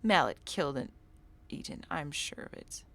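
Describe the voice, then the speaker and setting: A woman's voice: sits low, lively intonation, normal speed, vocal fry, pitched below the performer's own voice, exaggerated voice. A woman voicing a defensive, jumpy female cultist in a game, speaking bluntly.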